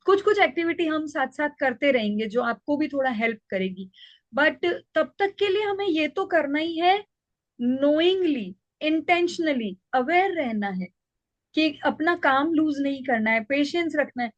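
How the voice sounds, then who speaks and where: High, dry-voiced woman, parenting coach, patient explainer, dull call audio. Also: measured pace, no room sound. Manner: calm, explanatory, acts out child and mother lines. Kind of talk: online parenting class.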